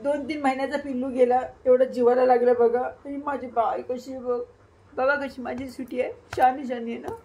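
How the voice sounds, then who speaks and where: Tearful high-voiced woman cooing softly. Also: flat delivery, fairly quick, slight background noise, low-quality recording. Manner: cooing, soft, sing-song baby talk. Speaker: vlogger. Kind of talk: casual vlog talking to viewers and her child.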